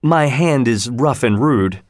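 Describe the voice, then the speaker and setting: A young lovestruck nobleman speaks in earnest, poetic phrases, as a man reads him aloud. The delivery is slow and unhurried, and the sound is dry and close, with no room around it. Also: mid-range voice, lively intonation, no room sound. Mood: tender.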